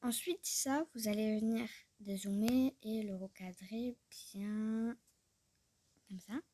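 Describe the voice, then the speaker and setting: A woman's voice: mid-range voice, takes it slowly, warm tone, no echo. A woman chatting casually through a tutorial, rambling, talking to herself and often dropping to a murmur. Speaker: YouTuber showing a tutorial. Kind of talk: casual screen-recorded tutorial chat.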